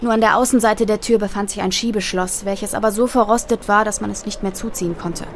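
A woman's voice: medium pitch, steady tone, fast talker, slight background noise. A woman reading a scripted horror story aloud, her voice tightening and rising as the tension builds. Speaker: narrator.

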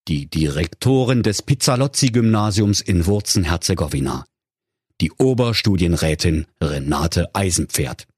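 Husky mock-solemn fairy-tale narrator man. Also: fairly low pitch, darkish tone, no room sound, clean studio sound.

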